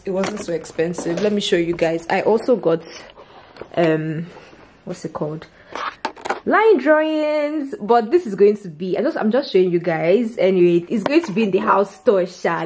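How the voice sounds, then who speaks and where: This is a twenty-something woman vlogger chatting to camera from her small furnished apartment living room, the camera at arm's length. She has a medium-pitched, slightly mellow voice and talks in an upbeat, rambling way with plenty of fillers, over slight background noise.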